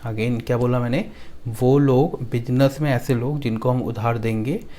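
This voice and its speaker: With a medium-pitched, warm voice and fairly even intonation, a Delhi accounts teacher addresses his students in a Hindi-speaking accent. He says key lines slowly and repeatedly, makes a recitable rhyme from them, and often checks that everything is clear.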